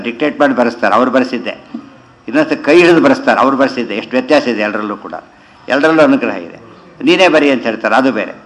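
Man slowly expounding scripture. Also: mid-range voice, poor audio. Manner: chants verses slowly, then explains in quick conversational asides. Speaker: religious teacher. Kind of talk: scripture commentary lesson.

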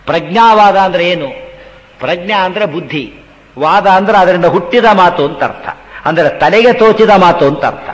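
A man giving a devotional sermon on scripture, chanting verses slowly and asking his listeners questions. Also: sits high. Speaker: religious discourse speaker. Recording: long reverb of a large hall.

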